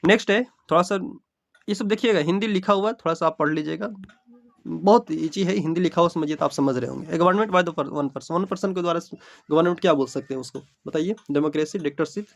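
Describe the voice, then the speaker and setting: A man's voice: fairly high pitch, fairly quick, gravelly. A man with a Bihari Hindi accent teaching an exam-prep English lesson from home, explaining in Hindi and reading the English options aloud.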